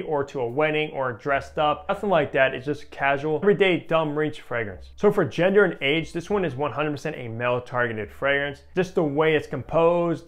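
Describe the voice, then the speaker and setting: A young man in his twenties casually reviewing a fragrance, animated and enthusiastic, with a lot of "like" fillers, on a clip-on mic. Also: on the high side. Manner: animated and enthusiastic, many "like" fillers, gestures with a test strip. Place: room with shelves of perfume bottles. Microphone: small clip-on mic on shirt.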